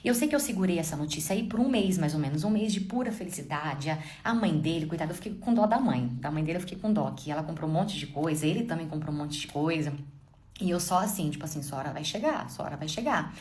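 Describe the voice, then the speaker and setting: A woman's voice: sits low, fast, a little mellow. A young woman telling a dramatic first-person story in a casual way, talking straight to her listeners. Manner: dramatic, addresses listeners directly.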